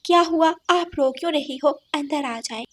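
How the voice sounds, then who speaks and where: A kind-hearted sparrow from a cartoon, speaking softly and reassuringly in a high, light voice, as a woman puts her on. She is calm and caring. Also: normal speed, close to an everyday voice. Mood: gentle. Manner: soft, soothing, reassuring. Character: kind, gentle female sparrow.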